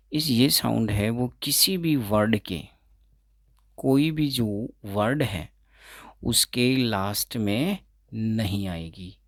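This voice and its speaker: A man teaching English pronunciation as an exam-prep tutor, explaining slowly, repeating words and correcting himself as he goes. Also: lowish voice, a bit bright, no room sound, studio quality. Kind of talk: explaining phonetics in Hindi.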